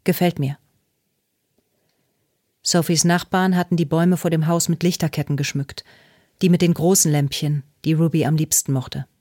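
A woman narrating a novel in a calm, measured way. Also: sits low, no room sound, clean studio sound. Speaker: audiobook narrator. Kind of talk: scripted narration.

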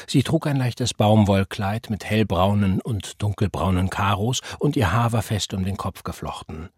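A man reading a novel aloud in measured, scripted audiobook narration. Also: on the low side, a little mellow, husky, no room sound, studio quality.

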